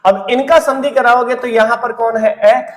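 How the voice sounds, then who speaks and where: A man with a high voice teaching an energetic exam-prep lesson. He keeps firing questions at his students and answering them himself, with playful banter. His voice sits a little back from the mic in a roomy, echoing space. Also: normal speed, recorded from a distance. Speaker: Hindi grammar teacher.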